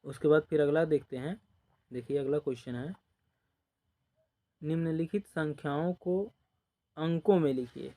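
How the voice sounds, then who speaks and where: With a warm tone and fairly high pitch, this male teacher patiently takes students through basic number systems one step at a time. Expect repeated numbers, long, drawn-out counting, and frequent "dekhiye" and "ok" in this slow classroom delivery.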